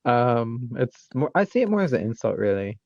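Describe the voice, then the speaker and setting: A man's voice: medium pitch, sing-song, moderate pace, creaky, dry recording, highs cut off. A man with a Great Lakes Michigan accent chatting casually as a podcast co-host in a goofy, rambling, joking way. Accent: Great Lakes American, Michigan. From Michigan, United States.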